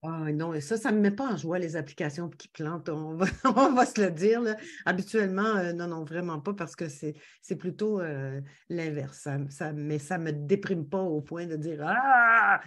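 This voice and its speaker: Speaking over a video call as a podcast guest, a woman from Quebec chats casually in a Quebec French accent. Her lowish, fairly bright voice moves at a moderate pace, and she's hesitant, uses many fillers, and laughs easily in this conversational interview.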